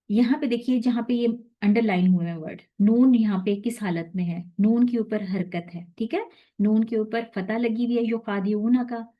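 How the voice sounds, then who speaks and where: Patient woman teaching tajweed, lo-fi. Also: medium pitch. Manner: patient explaining, stretches recited verses slowly; checks in with "theek hai?". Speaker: Quran recitation teacher. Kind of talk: online tajweed lesson.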